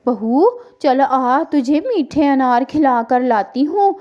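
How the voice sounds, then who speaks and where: A harsh, greedy mother-in-law sparrow from an animated storybook cartoon, as a woman narrator puts her on. She scolds in a high voice with a soft, mellow tone. She sounds bossy and sharp-tongued. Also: unhurried, dull audio. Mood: sweet-talking. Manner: harsh, sharp-tongued, whiny when faking tears.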